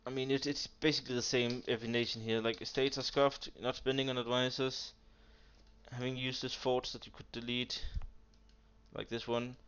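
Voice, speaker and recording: A man's voice: mid-range voice, little pitch movement, brisk, a bit bright, clear, resonant tone. A man giving casual, blunt commentary on a player's strategy game nation, exasperated and full of fillers. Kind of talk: casual commentary over gameplay. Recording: dull lo-fi mic with keyboard typing behind.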